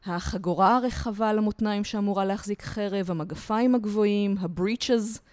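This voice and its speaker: A talkative woman sits as a podcast guest and explains things at length, animated and sure of herself. Her voice sits at a middle pitch. The recording is dry and close, with no room sound. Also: dry recording. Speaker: guest lecturer on culture history. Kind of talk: podcast interview.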